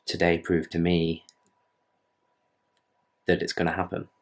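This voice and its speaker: His deep voice is monotone and a little slow. He's a British fitness vlogger in his twenties, talking earnestly and casually to his camera from his bedroom at night, swearing as he rambles along.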